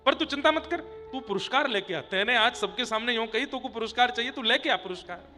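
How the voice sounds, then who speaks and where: A male preacher voicing a loving, worried mother, speaking softly and tenderly. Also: extremely high pitch, fairly quick, heavily acted. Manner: soft, tender, fussing. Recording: long hall reverb with faint music.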